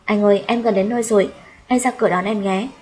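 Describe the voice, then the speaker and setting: A woman voicing a gentle, soft-spoken young woman who talks politely, in an audiobook reading. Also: medium pitch, steady tone, fast, close to an everyday voice.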